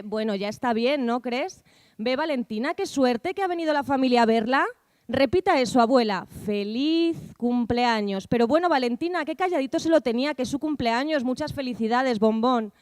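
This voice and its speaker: A woman reading a theatre script with lively, bossy, gossipy family chatter. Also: high-pitched, clear, resonant tone, dry recording. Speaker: actor reading stage directions and roles.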